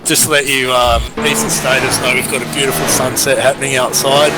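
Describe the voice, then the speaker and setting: A man's voice: mid-range voice, fairly even intonation, fairly quick, over loud music. A man from Western Australia with an Australian accent, co-commentating in a laid-back, jokey way.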